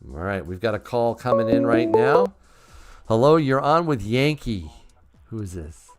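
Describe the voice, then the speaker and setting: A man hosting a call-in livestream, ranting excitedly and laughing at himself. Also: medium pitch, a little slow, soft background music. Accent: New England. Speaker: livestream host. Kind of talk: casual call-in livestream talk.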